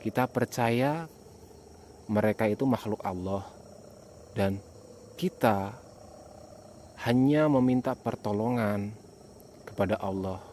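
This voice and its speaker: Male night-vlog host, lowish voice, hesitant and repetitive casual delivery, faint outdoor cricket noise. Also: slow pace, pauses often, darkish tone. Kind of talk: casual vlog narration to viewers.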